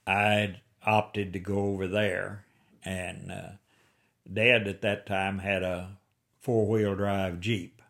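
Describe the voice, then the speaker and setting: An elderly man in his eighties from the rural Missouri Ozarks, with an Ozark Appalachian-style accent, reminiscing in a folksy, plain-spoken storytelling way. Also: low voice. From rural Missouri Ozarks, United States. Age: 80s. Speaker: interviewee. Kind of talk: oral history reminiscence.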